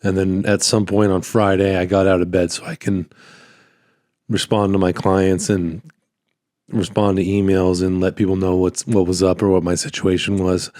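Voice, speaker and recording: Still hoarse from being ill, this man's deep, darkish voice cuts in and out as he casually hosts his solo podcast as a small business owner. His pitch barely moves, and he rambles in a halting way, repeating phrases. There's very little room echo, giving a dry sound.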